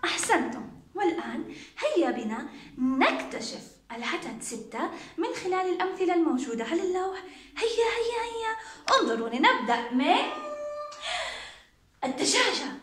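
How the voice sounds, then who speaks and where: Brief: young woman, kindergarten teacher, very high lively voice, sing-song counting, roomy echo. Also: normal speed, pauses often, slight background noise. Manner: sing-song, coaxing children to count along. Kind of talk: counting lesson for young children.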